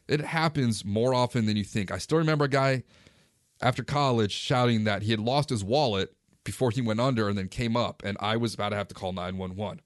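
A man in his forties, a fishing vlogger, casually recounting a day on the river in a relaxed, conversational way. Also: medium pitch, no echo, studio quality. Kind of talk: casual first-person storytelling.

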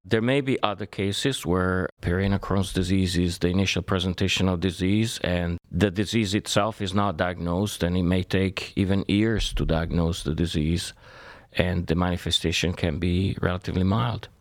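A man from Italy, a surgeon and researcher, giving measured, formal explanations as a podcast guest. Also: low-pitched, steady tone, no room sound, clean studio sound. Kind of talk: podcast interview.

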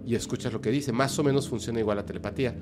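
A man, a podcast guest telling a story in animated conversation, often checking that the listener is following. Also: medium pitch, rapid-fire, background noise. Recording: music playing under the voice.

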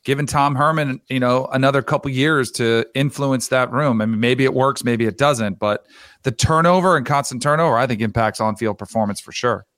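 A man's voice: mid-range voice, a little fast, fairly bright tone, dry recording, studio quality. A man co-hosting a casual sports podcast with a wry, joking manner. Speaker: podcast co-host.

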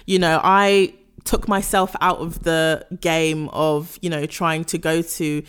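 Animated woman telling a story. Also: slow pace, smooth. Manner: animated, laughing, acts out quotes in a high voice. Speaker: podcast guest. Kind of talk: casual chat, storytelling.

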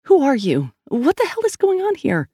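A woman's voice: sits high, huge pitch swings, moderate pace, dark tone, dry recording, studio quality, pitched above the performer's own voice, full character voice. A woman voicing a tough, skeptical police detective who gives blunt, commanding demands in a storybook reading. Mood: demanding.

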